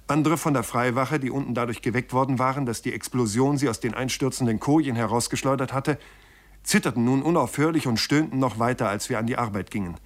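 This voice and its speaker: A man narrating a first-person sea adventure as an audiobook, measured and dramatic, often addressing his listeners directly. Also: medium pitch.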